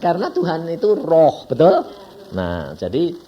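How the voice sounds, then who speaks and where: Lively Javanese-accented preacher man. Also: on the high side, a little slow, highs cut off. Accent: Javanese-accented Indonesian. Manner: lively, conversational preaching with frequent questions to the congregation. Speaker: evangelist preacher. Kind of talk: sermon.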